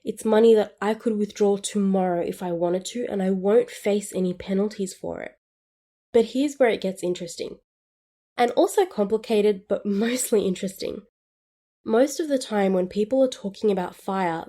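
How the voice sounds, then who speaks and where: Hosting a scripted solo show about personal finance, a woman in her twenties explains things brightly and amiably. Her medium-pitched voice has a mellow quality.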